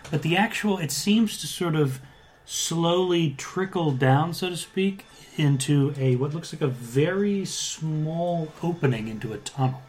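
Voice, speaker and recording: Higher-voiced man narrating as game master. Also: a little mellow, a little hiss or hum. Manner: halting, rephrases as he describes. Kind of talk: improvised tabletop game narration.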